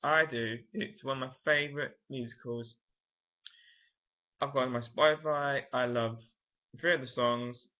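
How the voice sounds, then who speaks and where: A man's voice: medium pitch, fairly even intonation, moderate pace, long pauses. A young man chatting casually to camera in a vlog, rambling and thinking aloud with frequent restarts. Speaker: vlogger. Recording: dull lo-fi home recording.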